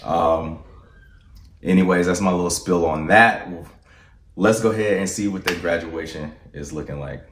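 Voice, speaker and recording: Man, low voice, informal rambling host, reaction commentary, echoey room, faint noise. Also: moderate pace, fairly bright tone. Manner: rambling, informal, ends remarks with "right?". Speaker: drill sergeant host reacting to videos. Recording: roomy echo, faint background noise.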